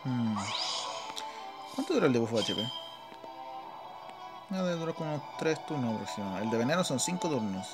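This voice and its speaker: This gaming video host, a man with a Chilean Spanish accent, speaks at medium pitch and normal speed, sounding expressive and pausing often. He chats informally about the game while playing, voicing his thoughts aloud over game music.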